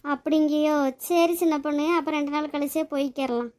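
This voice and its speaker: Cartoon, woman doing a friendly chatty neighbour, high voice, eager. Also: fairly even intonation, fairly quick, darkish tone, natural voice.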